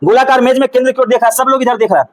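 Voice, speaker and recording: The recording is rough as a man with a Bihari Hindi accent talks very fast in a very high voice during a classroom reasoning lesson. His manner is patient and coaxing: he puts question after question to the room and restates the puzzle step by step.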